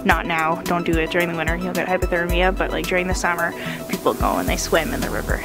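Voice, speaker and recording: A woman's voice: lowish voice, fast, gravelly, over loud music. A young adult woman giving a chatty, informal walking tour of a campus as a vlogger, recorded outdoors. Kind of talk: casual walking vlog chat.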